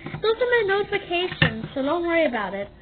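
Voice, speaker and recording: Brief: a woman playing a vain, dramatic young YouTuber, very high and lively, comedy skit, lo-fi phone sound. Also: fast. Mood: showy. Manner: dramatic, squealing, over-the-top. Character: self-important young female YouTuber, dramatic and showy. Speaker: skit performer. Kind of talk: comedy skit role-play. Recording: tinny phone-like audio with background noise.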